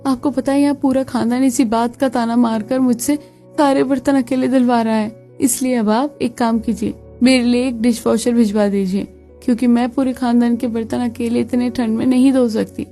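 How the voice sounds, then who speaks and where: A woman's voice: on the high side, steady tone, normal speed, dark tone, soft background music, lightly acted. A woman voicing a fed-up young wife in a cartoon, complaining emphatically.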